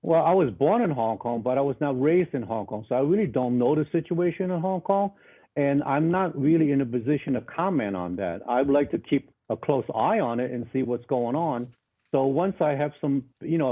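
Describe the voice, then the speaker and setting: Over a thin, phone-like remote connection, a man being interviewed talks fairly quickly in a mid-range voice. He's blunt and emphatic, tending to repeat words whenever he begins a sentence.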